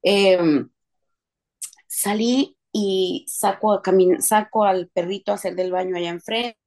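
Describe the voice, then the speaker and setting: A woman telling a lively story to her church group, laughing and trailing off as she goes. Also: medium pitch, unhurried. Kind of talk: casual storytelling testimony.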